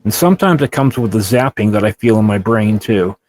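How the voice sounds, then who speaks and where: A man's voice: on the low side, animated, fairly quick, darkish tone. A man in his sixties co-hosting a casual chat, telling long, earnest personal stories in a rambling way. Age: 60s.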